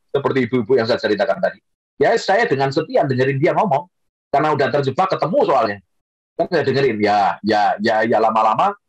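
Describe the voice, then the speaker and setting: A man preaching an online sermon, joking and swinging his pitch up and down for emphasis. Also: breathy edge, dry recording, highs cut off.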